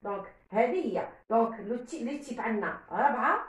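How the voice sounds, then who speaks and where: A woman's voice: on the high side, lively intonation, brisk. A woman teaching a French grammar lesson step by step, switching between Arabic and French. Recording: echoey room.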